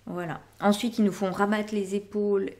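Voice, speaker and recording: In a flat, darkish, medium-pitched voice at an ordinary pace, a middle-aged woman talks through the things she has knitted and sewn for her podcast. The show-and-tell is casual and meandering, with "voilà" turning up again and again.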